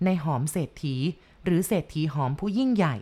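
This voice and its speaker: A woman storyteller narrating a horror novel in a measured, dramatic way. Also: on the low side, sing-song, dark tone.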